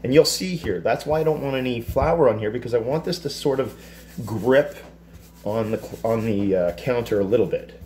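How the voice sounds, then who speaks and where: A man in his fifties teaching a casual cooking demonstration in a home kitchen, explaining each step in a relaxed, chatty way. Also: mid-range voice, moderate pace, a little hiss or hum. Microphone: camera across the counter.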